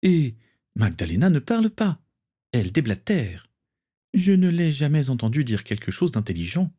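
A man's voice: mid-range voice, big pitch swings, normal speed, warm tone, husky, pitched above the performer's own voice. A man voicing a crude, proud young pureblood wizard who talks with scorn. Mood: smug. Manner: scornful, boastful.

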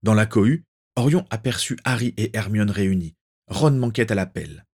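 Low-voiced man reading a story. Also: a little mellow, breathy edge. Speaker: narrator. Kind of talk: reading a fan-fiction story aloud.

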